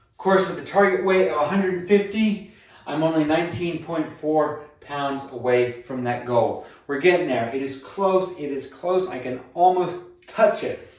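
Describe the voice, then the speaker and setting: Recorded from a distance in an echoey room and occasionally off-mic, a fairly high-pitched American vlogger in his late twenties talks about losing weight. His tone is casual, earnest, upbeat, and self-encouraging, full of fillers and restarts.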